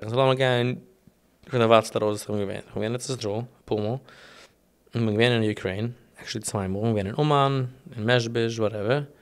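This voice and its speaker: A man's voice: mid-range voice, steady tone, fast talker. A young man chatting as an interview guest, rambling through his stories with many restarts and English phrases mixed in. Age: young adult. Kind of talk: casual interview chat.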